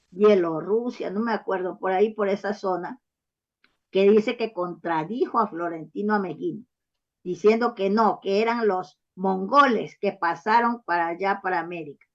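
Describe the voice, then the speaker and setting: A woman's voice: mid-range voice, measured pace. A woman author giving long, rambling interview answers, full of false starts and check-ins with the listener. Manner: rambling, often checks in with "¿sabes?" and "¿ah?"; frequent false starts and hesitations. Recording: dull lo-fi recording.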